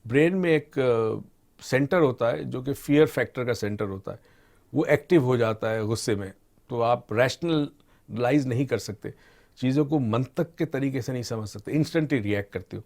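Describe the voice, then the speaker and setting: A middle-aged man talks through his ideas like a patient teacher, setting out each step plainly for a listener. His voice sits at an ordinary middle pitch. He drops English words into his sentences as he explains. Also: gravelly. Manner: calm teaching tone, mixes English terms into Urdu. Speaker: expert guest on motivation and mind training. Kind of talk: explanatory discussion.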